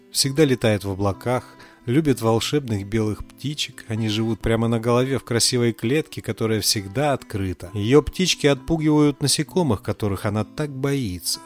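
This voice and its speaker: A man narrating a children's fairy-tale audiobook in a calm storytelling manner. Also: mid-range voice.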